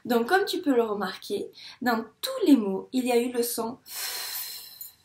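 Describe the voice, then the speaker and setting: Slow, patient woman teaching phonics. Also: on the high side, very animated, a little mellow. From France. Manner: slow, patient, drawn-out syllables. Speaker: first-grade teacher. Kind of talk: phonics lesson to a young child.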